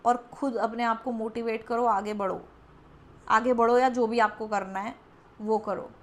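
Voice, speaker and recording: A woman's voice: fairly high pitch, fairly even intonation, unhurried. A woman giving a pick-a-card tarot reading in a chatty, coaxing way, acting out the listener's doubts. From India. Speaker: tarot reader.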